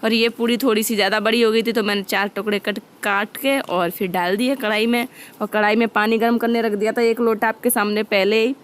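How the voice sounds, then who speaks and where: A woman's voice: on the high side, fairly even intonation, brisk, clear, resonant tone. A young adult woman chatting homely and directly to viewers as she narrates a casual home vlog. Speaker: vlogger.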